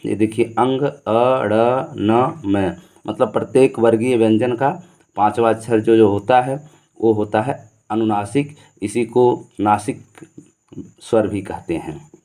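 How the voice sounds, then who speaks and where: A man's voice: fairly low pitch, mellow. A man teaching grammar to students, who repeats his points and asks questions that he then answers himself. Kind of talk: explaining Hindi grammar to students.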